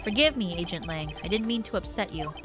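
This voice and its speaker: A woman's voice: lowish voice, expressive, natural voice. A woman voicing a composed male prosecutor who speaks formally and carefully. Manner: measured and formal. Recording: game music behind the voice.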